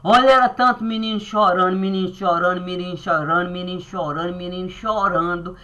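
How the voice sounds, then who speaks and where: A woman telling a personal story in a playful, animated way, acting out the dialogue. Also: on the low side, brisk, dull audio.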